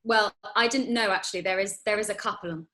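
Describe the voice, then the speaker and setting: A woman's voice: mid-range voice, fast talker, sharp tone, rough recording. A woman in her thirties, raised in the UAE, guest on an interview, talking casually in a rambling way with many fillers and restarts. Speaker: guest actress.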